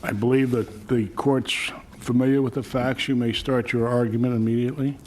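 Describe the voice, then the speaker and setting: A man's voice: mid-range voice, steady tone, normal speed, darkish tone. A man speaking as a presiding judge in formal courtroom address. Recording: clear background noise with clicks.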